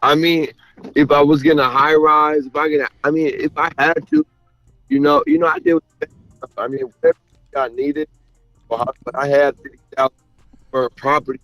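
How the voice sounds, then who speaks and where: A man's voice: on the high side, animated, moderate pace, vocal fry, long pauses, fairly bright tone, dry recording, faint music behind. A man calling in on speakerphone with the phone held away, talking loosely and repeating words as he thinks. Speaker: caller on a phone line. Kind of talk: casual chat. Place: other location, calling in by phone. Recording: distant, breaking-up speakerphone line.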